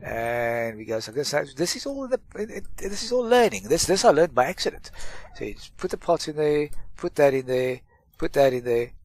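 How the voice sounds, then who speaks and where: A middle-aged gaming channel host with a stuffy cold runs a casual gameplay tutorial, chatting along with self-mocking asides. His slightly high voice is sing-song and brisk, in a dry recording.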